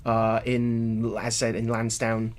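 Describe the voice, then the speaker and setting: A man's voice: fairly low pitch, completely flat delivery, unhurried, loud music behind the voice. A man co-hosting a casual scholarly chat, wordy and digressive, with frequent restarts and dry wordplay. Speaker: podcast co-host.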